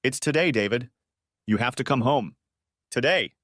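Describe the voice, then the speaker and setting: A distraught young woman lawyer, read by a man in a storybook audio tale, pleading on the edge of tears. The voice sits at a middling pitch and sounds close and dry. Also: expressive, normal speed, fairly bright tone, no echo, lightly acted. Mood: urgent, tearful. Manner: pleading, tearful.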